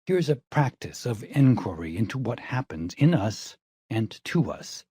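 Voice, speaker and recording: A man giving calm, measured audiobook narration of a reflective self-help text. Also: lowish voice, husky, dry recording, studio quality.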